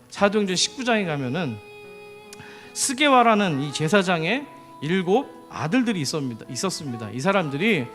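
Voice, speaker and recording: Man, pastor, sermon, lively swooping pitch, questions to the congregation. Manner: preaching to a congregation, asking them questions.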